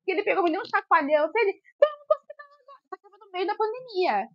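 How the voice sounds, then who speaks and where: A woman's voice: very fast, no room sound, muffled recording. A woman in her thirties co-hosting a podcast in casual chat, telling stories animatedly and acting out what people said. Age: 30s. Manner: animated storytelling, acts out quotes with rising pitch. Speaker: podcast co-host.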